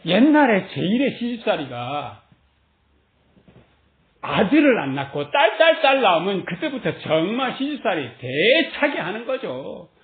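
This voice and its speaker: A female pastor preaches a sermon with lively, animated energy, acting out quoted voices and laughing often. Her mid-range voice keeps a measured pace. The recording sounds thin and tinny like a phone line, echoing in a large, roomy space.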